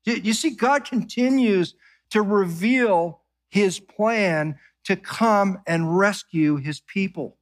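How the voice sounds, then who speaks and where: A man preaching a sermon, who keeps asking his listeners questions and reads scripture slowly and softly. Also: high voice. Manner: animated preaching, asks the congregation questions. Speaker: pastor.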